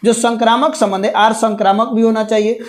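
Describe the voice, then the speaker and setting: A man from India teaching a live online math class, explaining slowly step by step and repeating key terms with English words mixed in. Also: high voice, flat delivery.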